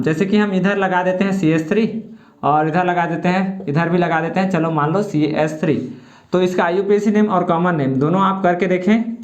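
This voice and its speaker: A man's voice: sits high, darkish tone. A man teaching a chemistry lesson, asking questions and answering them himself while stretching out key terms. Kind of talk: classroom lecture with call-and-response. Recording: roomy, muffled lo-fi sound.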